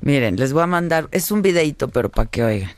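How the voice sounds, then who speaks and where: A woman's voice: deep voice, lively intonation, a little fast, background noise. A woman hosting a radio interview in a playful, teasing way, laughing often. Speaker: radio host.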